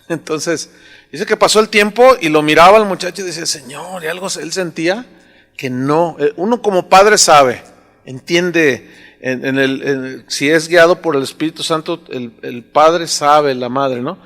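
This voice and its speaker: A man's voice: fairly high pitch, normal speed, fairly bright tone, in a large hall. A male pastor with a Mexican accent preaching a sermon, reading verses and telling stories in an earnest way. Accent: Mexican Spanish.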